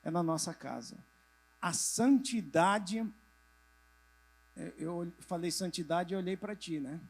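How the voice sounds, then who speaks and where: A man's voice: sits high, slow. A middle-aged male pastor preaching to church leaders, asking the audience questions and answering them himself, sometimes having them raise hands or turn to a neighbor. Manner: drops to a soft voice at moments. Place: church convention hall with a live audience.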